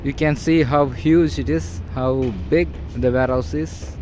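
Walking a property tour through a big, empty warehouse, a male real estate agent describes its features in a plain, repetitive manner. His mid-range voice is steady, unhurried, and slightly mellow. The phone held by the person filming picks up a faint hiss or hum.

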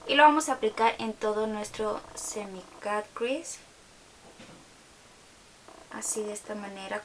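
A woman's voice: medium pitch, a bit bright, a little hiss or hum. A young woman gives a casual makeup tutorial from her bedroom, chatting along with hesitant fillers.

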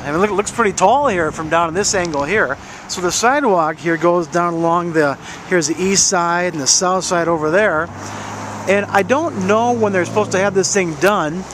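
A middle-aged American man giving a casual, rambling walk-and-talk update, musing aloud into a handheld camera outdoors by a road. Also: high-pitched. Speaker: public access TV presenter and weatherman. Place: outdoors beside a busy road and construction fence. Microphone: handheld camera at arm's length. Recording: noisy outdoor roadside handheld recording.

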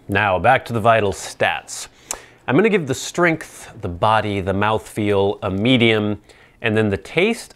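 A man in his thirties or forties giving an informal product review to camera, explaining in a measured, casual way with playful asides. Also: on the low side. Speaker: pipe tobacco reviewer. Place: small indoor set with plain backdrop. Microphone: lapel mic.

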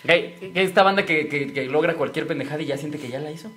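High, quick-talking man from Mexico City. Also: fairly bright tone. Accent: Mexico City Spanish. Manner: crude slang, laughing a lot. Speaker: podcast host. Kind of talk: casual comedic chat.

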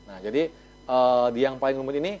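A man's voice: mid-range voice, brisk, a little mellow, highs cut off, a little hiss or hum. A man as a talk show guest, explaining things in a TV studio with lots of examples and hesitant fillers. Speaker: talk show guest, English course representative.

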